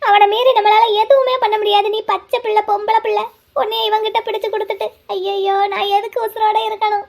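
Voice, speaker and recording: A woman's voice: very high voice, steady tone, fairly quick. Fretful cartoon grandmother. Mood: fearful. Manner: wailing, pleading and scolding. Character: worried elderly grandmother, fretful and scolding. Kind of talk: cartoon voice acting.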